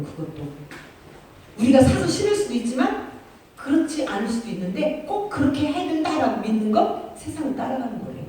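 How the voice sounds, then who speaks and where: High, lively woman preaching to kids. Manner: animated storytelling, addressing children directly. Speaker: children's ministry teacher. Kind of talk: sermon for children. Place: church. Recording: very echoey room, mic far off.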